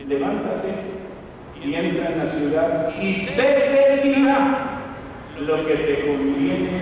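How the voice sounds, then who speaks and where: Male pastor, high voice, fiery sermon delivery, distant mic in a very echoey sanctuary. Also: background noise. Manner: impassioned preaching, swinging between hushed and shouted. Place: church sanctuary.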